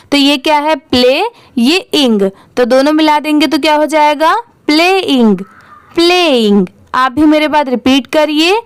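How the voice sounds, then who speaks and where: A woman's voice: high voice, no room sound, studio quality. A woman teaching English reading, spelling words out letter by letter and asking questions as she goes.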